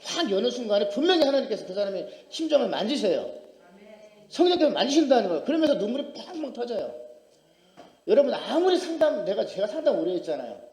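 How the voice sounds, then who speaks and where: A man's voice: sits high, very animated, fast, a little mellow. A middle-aged male pastor preaching a sermon to a small congregation, telling his own story in a conversational, emphatic way. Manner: personal testimony, conversational and emphatic. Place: small church sanctuary. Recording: roomy church hall reverb.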